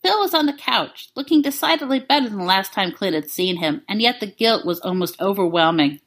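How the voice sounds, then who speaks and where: A woman narrating fan fiction aloud in a calm, even storytelling manner. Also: mid-range voice, a little fast.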